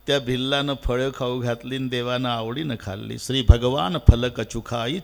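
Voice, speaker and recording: Man voicing an aged minister in grief, low and hushed, reverberant hall with soft music. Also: fairly even intonation, moderate pace, creaky. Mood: tearful. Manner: tearful, subdued. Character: old royal minister weeping with grief.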